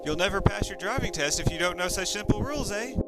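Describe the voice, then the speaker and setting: A man's voice: a little high, lively intonation, normal speed, loud music behind the voice, pitched above the performer's own voice. A man voicing a lecturing elderly grandfather with a Canadian accent in a read-aloud horror story. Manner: lecturing, folksy.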